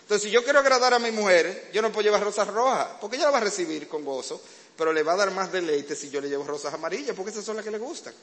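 Un predicador con acento dominicano que da un sermón sobre el matrimonio con humor e imita escenas de la vida en pareja. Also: male voice, high-pitched, animated, rapid-fire, fairly bright tone. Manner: humorous, acts out domestic scenes. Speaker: preacher. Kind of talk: sermon to couples. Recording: reverberant hall, faint background noise.

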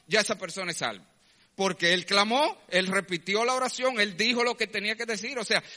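A man's voice: high-pitched, bright, forceful tone. A man preaching a sermon as a pastor, emphatic, acting out quoted voices and asking rhetorical questions. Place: church. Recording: long church hall reverb.

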